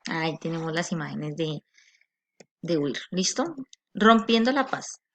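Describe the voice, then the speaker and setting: A woman's voice: low voice, lively intonation, unhurried, a bit bright, a little hiss or hum. A woman teacher giving a recorded class and explaining patiently, with frequent tag questions to check in with her students. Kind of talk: recorded online class lecture.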